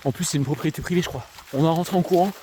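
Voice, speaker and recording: A man's voice: a little high, very fast. A young man with an Alsatian accent, chatting slangily to viewers while out on a countryside walk. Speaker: vlogger; schoolteacher. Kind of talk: casual rambling monologue while walking. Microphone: handheld camera. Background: faint outdoor noise, rain.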